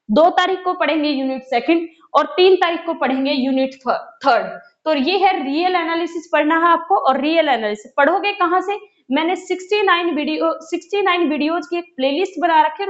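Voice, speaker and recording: A woman's voice: high voice, muffled recording. A woman teacher giving casual study guidance, repeating key points and answering her own questions. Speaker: exam-prep teacher.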